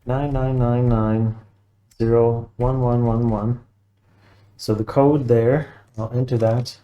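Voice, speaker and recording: A man's voice: mid-range voice, level tone, slow, highs cut off. A man working as a computer repair technician talks through a casual tech walkthrough, methodical and matter-of-fact, thinking aloud as he goes.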